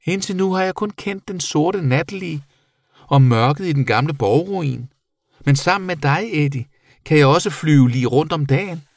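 A man doing a squeaky cheerful little bat girl. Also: no echo, studio quality. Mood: amazed. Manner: high squeaky excited voice, adds a "lige" tic. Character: small cheerful female magic bat.

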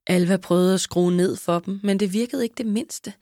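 A woman narrating a children's story in a lively, expressive way. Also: medium pitch, dry recording, clean studio sound. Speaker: audiobook narrator. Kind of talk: scripted narration.

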